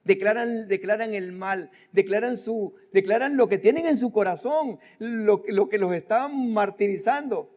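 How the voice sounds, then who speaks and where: An older man leads a sermon in a church. His voice sits high for a man and carries long reverb from the sanctuary. He speaks in a conversational way, addresses his listeners directly and repeats phrases. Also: a little slow, hardly any pauses, a little mellow. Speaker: pastor.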